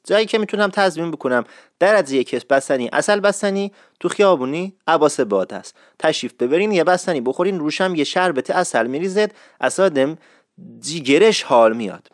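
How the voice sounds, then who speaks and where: A man's voice: fairly high pitch, animated, no echo, clean studio sound. Chatty man. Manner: enthusiastic, chatty, repeats key points. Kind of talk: casual recommendation talk.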